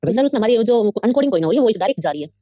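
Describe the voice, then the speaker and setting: Fast-talking woman student on a lo-fi call. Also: on the high side, expressive, no echo. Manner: persistent, questioning, pushes back. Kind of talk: questions in an online class.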